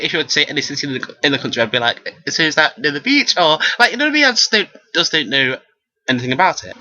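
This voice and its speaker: A young man, ranting to camera at home in an animated, sassy way. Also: a little high, highs cut off. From England. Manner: animated and sassy, often says "girl". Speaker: vlogger.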